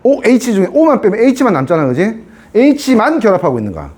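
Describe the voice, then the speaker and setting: Male science teacher, high and very animated delivery, keeps asking the class if they follow. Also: normal speed, slightly rough. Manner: chatty, keeps asking students to confirm; repeats and re-explains key points. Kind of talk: classroom lecture.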